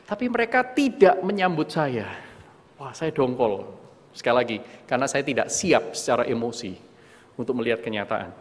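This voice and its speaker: A man's voice: medium pitch, animated, normal speed. A middle-aged man preaching a sermon, telling a story about himself and acting out his own outbursts, often calling his listeners "saudaraku". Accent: Indonesian. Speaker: pastor. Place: church hall. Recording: long hall reverb.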